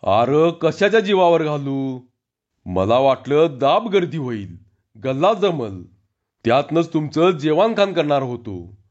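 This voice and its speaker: A man voicing a cranky village contractor who scolds in rough rustic speech, on a dull lo-fi recording. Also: a little high, very animated, measured pace, a little mellow. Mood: irritable, scolding. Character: angry rustic male wrestling-bout contractor.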